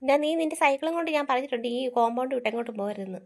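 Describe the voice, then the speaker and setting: A woman voicing a frantic mother in a family cartoon, who scolds her children loudly. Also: animated, racing, vocal fry, exaggerated voice. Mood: panicked. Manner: shrill, scolding.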